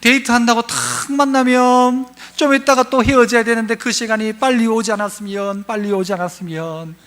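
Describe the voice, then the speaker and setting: A male pastor, preaching a sermon to his congregation. He swings between loud, fervent passages and hushed, low asides, and puts questions straight to the listeners. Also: fairly even intonation, a little fast. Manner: asks the congregation questions directly.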